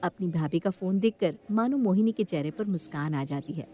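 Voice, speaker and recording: A woman's voice: on the low side, a little fast. Woman narrating a moral story. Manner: steady storytelling.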